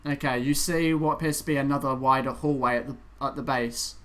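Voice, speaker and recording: A man acting as game master, narrating and ruling on a tabletop game in a casual, halting way as he searches for words. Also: medium pitch, fairly even intonation, a bit bright.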